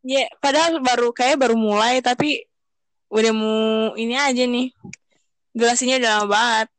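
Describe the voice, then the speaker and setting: Young Jakarta woman, higher-pitched podcast chatter. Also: fairly even intonation, normal speed, dry recording. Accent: Jakarta Indonesian. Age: young adult. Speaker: podcast co-host. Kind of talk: casual podcast chat with slang.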